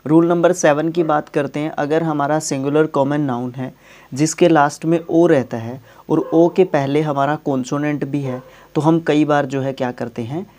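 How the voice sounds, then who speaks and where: A man's voice: on the high side, steady tone, normal speed, darkish tone, a little hiss or hum. A man teaching English grammar in Hindi, explaining rules step by step and asking the class questions as he goes.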